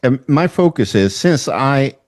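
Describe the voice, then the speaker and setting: A middle-aged man from northern Sweden with a Swedish accent, hosting an online interview in a slow, halting way with many fillers. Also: mid-range voice, animated. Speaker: host.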